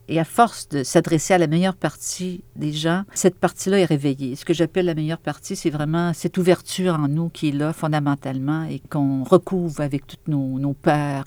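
Québécois woman novelist as interview guest, musing and halting, close dry sound. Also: sits low, a little mellow, no echo. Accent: Québécois French. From Quebec. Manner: thoughtful, halting, with frequent fillers and repeated words. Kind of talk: reflective interview talk.

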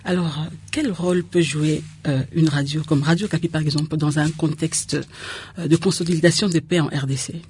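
A woman's voice: low-pitched, fairly even intonation, moderate pace, a little mellow, slight background noise. A woman, explaining and repeating words in a conversational radio interview. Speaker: radio community liaison officer.

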